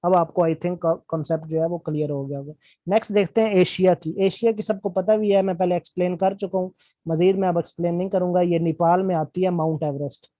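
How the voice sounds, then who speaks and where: Man lecturing a class, warm mellow tone, dry close sound, patient and repetitive. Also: high voice, no room sound. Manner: explains slowly with constant check-ins and repetition. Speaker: teacher.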